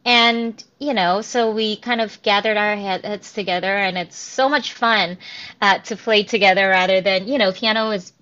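A woman's voice: medium pitch, steady tone, moderate pace, pushed and bright. A woman in her thirties, a piano professor, chatting through an interview with many ums and restarts. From Korea, raised in New Jersey. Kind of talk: casual interview answers. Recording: dull lo-fi audio.

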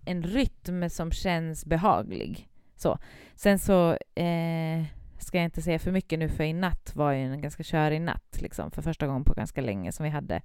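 A woman's voice: low voice, a little mellow, clean tone, no echo, studio quality. A woman chatting casually about her baby and her week, rambling with many fillers. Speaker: parent. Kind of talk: casual chat.

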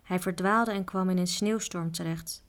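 A woman's voice: fairly low pitch, moderate pace, natural voice. Piak, a woman reading as an eager mountain boy. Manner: excited, whispering softly at times.

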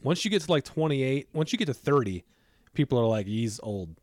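Man in his thirties, podcast host, loose easygoing chat with lots of laughs, lively swooping delivery, dry close sound. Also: mid-range voice, brisk, no echo. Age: 30s. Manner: laid-back, laughs often, trails off. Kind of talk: casual chat.

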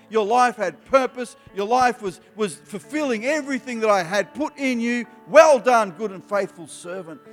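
Man, 50s, youth preacher, high animated voice, long hall echo. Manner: animated, emphatic preaching with rising bursts. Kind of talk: sermon to young people. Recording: live hall with long reverb, soft music behind.

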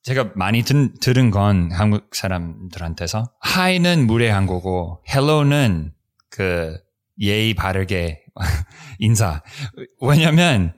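Co-host: man, lowish voice, foreign accent, conversational, searches for words. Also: big pitch swings, slow. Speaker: co-host, Korean learner. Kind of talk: casual discussion.

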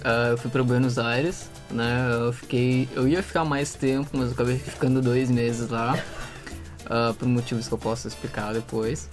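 A man's voice: medium pitch, fairly even intonation, moderate pace, soft background music. A young man, chatting casually as a guest about his exchange studies. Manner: storytelling, chatty. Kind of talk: casual podcast chat.

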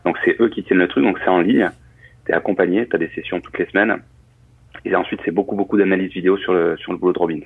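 A guest on a casual interview, this man is a coach and former pilot describing his training in a loose, explanatory way with plenty of fillers and restarts. His low, slightly husky voice keeps a steady tone and a quick pace, heard over a thin, phone-like line.

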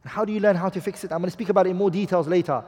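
A man's voice: sits high, racing, a little mellow, slightly rough, long reverb tail. A man teaching a class on marriage, emphatic, asking the students rhetorical questions and quoting Arabic texts. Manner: quotes Arabic hadith and poetry. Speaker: Islamic teacher.

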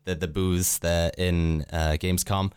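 Man, sick-sounding voice, very deep, podcast co-host, rambling filler-heavy chat, dry close sound. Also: level tone, measured pace, darkish tone, clean tone, no echo.

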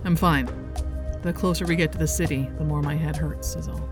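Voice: mid-range voice, steady tone, brisk, music in the background, pitched above the performer's own voice, lightly acted. A storyteller voicing a young woman warrior poet, determined but apologetic, who speaks earnestly and directly.

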